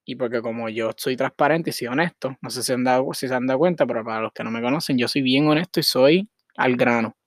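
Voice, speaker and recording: A man's voice: medium pitch, fast talker, few pauses, dry recording, clean studio sound. A young man from Puerto Rico with a Puerto Rican accent, hosting his solo podcast in a rambling, frank way, with English words mixed in. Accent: Puerto Rican Spanish. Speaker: podcast host. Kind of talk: casual solo podcast monologue.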